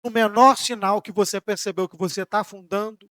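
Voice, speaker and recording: A Brazilian man preaching a sermon as pastor, rising in emphatic bursts and then dropping soft, sometimes voicing the questions of his listeners. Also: high voice, steady tone, brisk, no room sound, studio quality. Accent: Brazilian Portuguese. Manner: preaching with emphatic rises and sudden soft drops; voices imagined questions from listeners.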